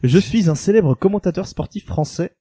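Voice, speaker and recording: Male game host, animated, playful, dry close sound. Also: sits high, normal speed, slightly rough, no room sound. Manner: playful, quizzing his guests. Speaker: host running a guessing game. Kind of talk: casual banter.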